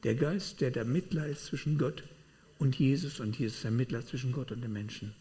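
Guy preaching, mid pitched voice, gets loud then quiet, long echo like a big church. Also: a little fast. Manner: animated, personal testimony with sudden swings in loudness. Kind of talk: sermon. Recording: long hall reverb.

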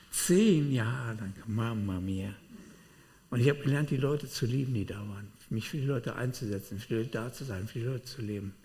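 A man preaching a sermon, telling personal testimony in an animated way with sudden swings between loud and quiet. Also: medium pitch, a little fast. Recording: long hall reverb.

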